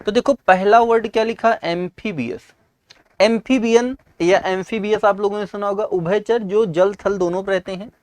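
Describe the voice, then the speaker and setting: A high-voiced man with a North Indian accent teaches an exam-prep English lesson, posing questions and answering them himself while mixing in English terms. The recording is dry and close with no echo, and his delivery is fairly even at a moderate pace. He clears his throat and coughs often.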